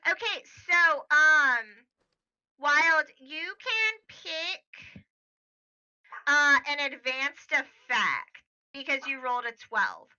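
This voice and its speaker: Bright high-voiced woman running a tabletop game. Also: lively intonation, extremely slow, highs cut off. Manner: casual, rambling with filler words. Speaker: game master.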